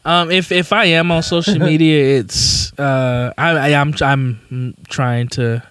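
A man around thirty, a coffee business owner interviewed as a guest, speaking earnestly and haltingly with many "um"s and "like"s. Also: fairly high pitch, steady tone, a bit bright, clean tone, no echo. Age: 30s. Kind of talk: casual interview chat.

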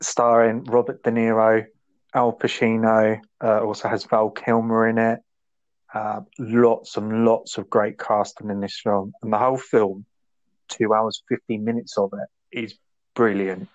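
A man's voice: on the low side, level tone, unhurried, muffled recording. A man casually chatting about a film, enthusiastic and rambling. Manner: enthusiastic, rambling, acts out quotes. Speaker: podcast co-host. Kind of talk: casual film review chat.

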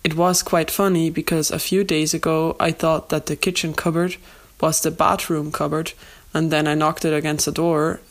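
A young adult woman hosting an informal educational podcast, explaining things in simple, repeated phrases on a low-quality makeshift recording. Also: level tone, normal speed. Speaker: podcast host. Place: home, during a move. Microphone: makeshift non-studio microphone.

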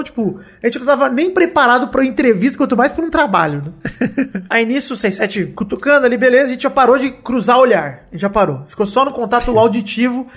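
A young man rattles through a story at a quick clip. He is animated and slangy, laughing through his own anecdote in a casual chat. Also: extremely high pitch, husky. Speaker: guest storyteller.

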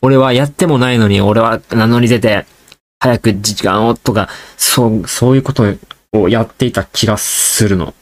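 A man's voice: fairly low pitch, normal speed. A man hosting a casual solo podcast, rambling and joking as he talks straight to his listeners. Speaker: podcast host.

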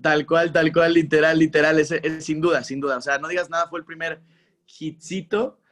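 A young man with a Mexican accent chats as a guest in an interview. He talks in an animated, slangy way, acts out his own reactions, and sits a little higher than most men. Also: normal speed. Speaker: musician guest. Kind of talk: casual interview chat.

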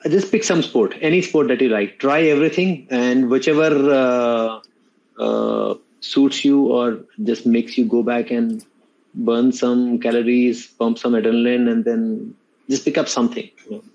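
Creaky-voiced Indian man, earnest and mellow. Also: medium pitch, steady tone, normal speed, lo-fi sound. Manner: earnest, emphatic repetition of words and phrases. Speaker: podcast guest, mentor to students. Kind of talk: unscripted interview advice.

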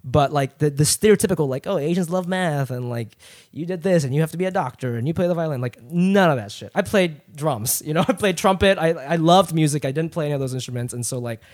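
A Japanese-born man who moved to Ohio at eight and speaks with an American accent is a comedian guest on a laid-back podcast. His voice sits fairly high with a darkish tone, and he talks fast. He rambles through stories candidly and swears freely.

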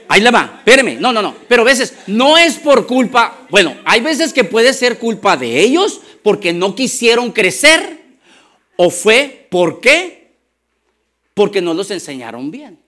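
Mexican pastor guy, pretty high voice, preaching loose and chatty, lots of slang and stumbles. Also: sharp tone. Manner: conversational preaching with slang and quick restarts. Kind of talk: sermon.

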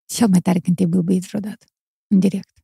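A woman hosting a podcast, asking questions slowly with short supportive interjections. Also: on the low side, little pitch movement, gravelly, mellow, slightly rough, no echo, clean studio sound. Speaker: podcast host. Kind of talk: casual interview chat.

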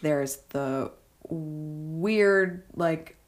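A woman's voice: deep voice, drawn-out words. A woman co-hosting a casual film discussion, chatty and filler-heavy, often checking in with "right?". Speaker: podcast co-host.

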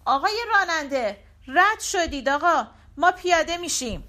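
A woman's voice: high voice, expressive, fairly bright tone, pitched above the performer's own voice. Woman reading as an urgent young male traveler. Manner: pleading, raised calls. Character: young man, the urgent first-person traveler.

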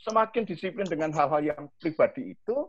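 A man with a Javanese accent talks to young people in a relaxed, lively way. His voice is fairly high and swings widely as he acts out little scenes. The recording sounds dull and lo-fi. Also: brisk. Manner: animated, acts out examples with sharp raised-voice quotes. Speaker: communication coach. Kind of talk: explaining to young people in a chat.

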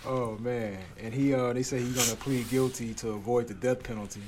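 A man's voice: mid-range voice, fairly even intonation, brisk, crowd noise. A man from Chicago hosting a casual, profane group chat, laughing often as he talks. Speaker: podcast host.

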